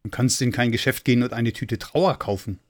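A man doing a calm, wise old polar bear. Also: medium pitch, close to an everyday voice. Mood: teaching. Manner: slow, calm and grumbling.

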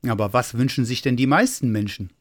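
A man voicing a wise, cozy old male polar bear who talks slowly and grumbles. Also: mid-range voice, natural voice. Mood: teaching. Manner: slow, calm and grumbling.

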